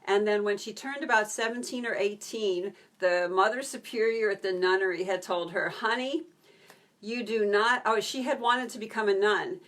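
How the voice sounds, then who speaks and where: A woman's voice: medium pitch, normal speed, few pauses, a bit bright. A woman telling a story in a casual live stream, chatty, breaking off to answer viewer comments. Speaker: video creator on a live stream.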